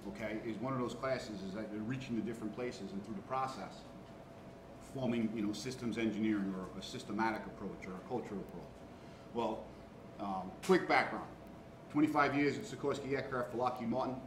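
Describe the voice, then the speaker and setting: A man in his fifties with a Queens, New York accent and a medium-pitched voice gives a casual talk to students as a guest engineer. He keeps it conversational, checking in often with "all right?" and "okay?". The audio comes from a far-off room camera in a large indoor classroom, so it's echoey and noisy.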